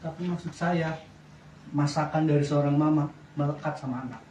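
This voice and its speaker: A middle-aged man preaching a sermon as pastor, lively, often asking the congregation questions. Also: on the high side, normal speed, a little hiss or hum. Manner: lively preaching with wide swings in loudness, asks the congregation questions. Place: church. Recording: echoey church sound from a distance.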